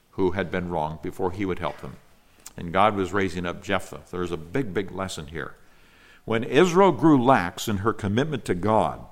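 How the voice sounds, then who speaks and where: Lowish male pastor preaching Bible exposition. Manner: reads scripture aloud and acts out characters' retorts in a conversational paraphrase.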